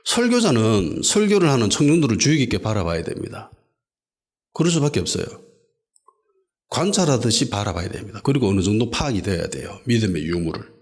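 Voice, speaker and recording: A man preaching a sermon as pastor, asking the congregation rhetorical questions and swinging between loud calls and quiet asides. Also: fairly low pitch, big pitch swings, fairly quick. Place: church sanctuary.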